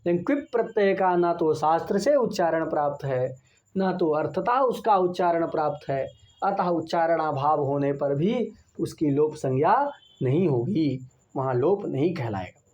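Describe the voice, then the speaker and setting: A man's voice: fairly high pitch, lively intonation, moderate pace, darkish tone, lo-fi sound. Male lecturer explaining step by step. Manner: explains step by step, repeats key terms, rhetorical questions. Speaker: Sanskrit grammar lecturer. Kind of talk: university lecture.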